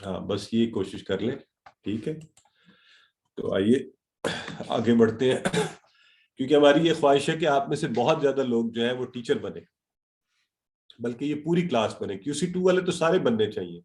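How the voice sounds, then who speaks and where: A man's voice: mid-range voice, animated, long pauses, a little mellow, a little hiss or hum. Male online teacher, middle-aged, encouraging lecture manner, English words mixed in, video-call sound. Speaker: Arabic grammar teacher.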